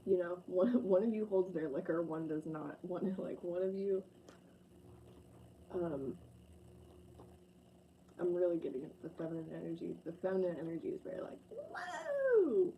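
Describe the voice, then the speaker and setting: A woman's voice: fairly low pitch, normal speed, pauses often, a little hiss or hum. Woman, late 20s, tarot reader: effusive, sentimental, casual to-camera delivery, muffled lo-fi sound.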